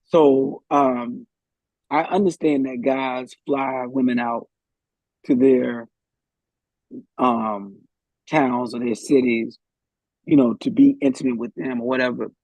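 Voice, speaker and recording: Hesitant husky man, dull lo-fi sound. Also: mid-range voice, takes it slowly, pauses often, a little mellow, dry recording. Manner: hesitant, thinking aloud with restarts. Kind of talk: live podcast discussion.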